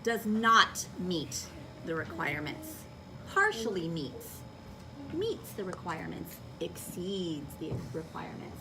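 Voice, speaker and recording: Loud music plays behind this woman, a schoolteacher giving children instructions in a noisy classroom and quizzing them to confirm they follow. Her voice is lowish, sing-song and slow, projected to carry, and picked up by a distant microphone.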